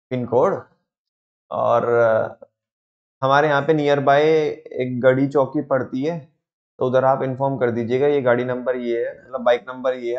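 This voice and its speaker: Storytelling male business teacher, lo-fi. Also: medium pitch. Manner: storytelling, asks students questions, acts out quotes. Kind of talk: lively classroom lecture with acted examples.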